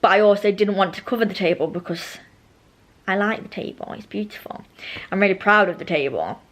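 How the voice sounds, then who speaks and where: A woman's voice: mid-range voice, a little fast, fairly bright tone. Chatty young British woman with braces. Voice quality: slightly slushy speech from braces with elastic bands. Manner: rambling, self-interrupting, informal. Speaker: vlogger. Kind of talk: casual chatty vlog.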